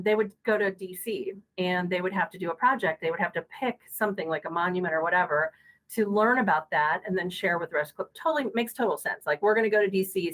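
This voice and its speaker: A middle-aged woman in casual podcast conversation, her voice sitting a little low. She talks earnestly, circling back with fillers and restarts as she thinks aloud. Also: a bit bright, low-quality recording. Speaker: guest, school district technology leader.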